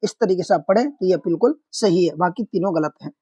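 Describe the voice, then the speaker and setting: A man's voice: high voice, brisk, warm tone, husky, no room sound. A man teaching an online exam-prep lesson, explaining answers step by step, putting questions to viewers and calling them friends.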